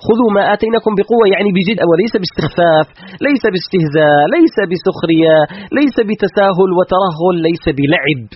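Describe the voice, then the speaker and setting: A man's voice: high voice, quick pace, highs cut off, slight background noise. A man as guest scholar explaining scripture in a religious lecture, emphatic and full of rhetorical questions.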